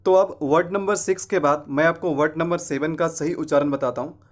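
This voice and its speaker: A man gives a pronunciation lesson in a voice that sits a little high. He keeps asking his own questions and answering them, repeating the correct word more than once. He slows right down for the English example sentences. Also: fairly even intonation. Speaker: English teacher.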